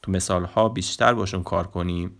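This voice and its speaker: A man who speaks as his teaches a Turkish grammar lesson, often saying "look" and slowing down to pronounce the example sentences. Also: deep voice, steady tone, creaky, a bit bright. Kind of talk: explanatory language lesson.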